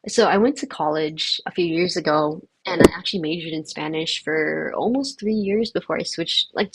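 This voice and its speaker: This livestream host, a young woman who speaks Vietnamese as her first language, has a voice that sits low and sounds gravelly and husky, with no echo. Her talk with viewers is casual and upbeat, full of filler words.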